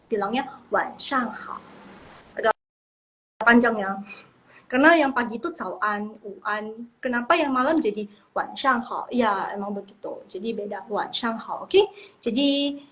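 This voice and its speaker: A woman's voice: fairly high pitch, fairly bright tone, rough recording. A woman, teaching Mandarin in a casual livestream and drilling pronunciation. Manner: chatty, repeats and drills pronunciation.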